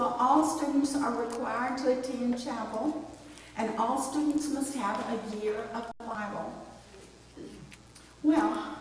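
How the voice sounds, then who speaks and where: An older woman pastor delivers a slow, reflective storytelling sermon with a fairly high voice. She is heard from a distance in a very echoey church hall with long reverb. Faint room noise hangs under her words. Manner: storytelling, reflective, then prayerful. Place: church sanctuary.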